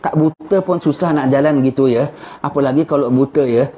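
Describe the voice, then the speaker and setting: A man with a dark, mid-range voice delivers a live religious lecture a little fast at a gathering where children are present. He repeats phrases and prompts listeners with "ya" and "ha?", and the recording is muffled with a faint hiss.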